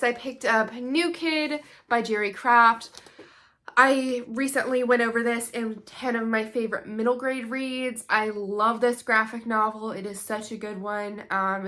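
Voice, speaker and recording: A woman's voice: medium pitch, sharp tone. A young adult woman chatting casually and enthusiastically about new books for her homeschool shelf, with frequent ums. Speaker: homeschool book vlogger. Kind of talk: casual book haul chat.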